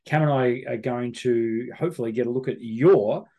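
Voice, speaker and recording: A man's voice: medium pitch, moderate pace, mellow, dull audio. A man with an Australian accent hosting a show in casual, chatty conversation. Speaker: host. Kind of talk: casual chat on a video show.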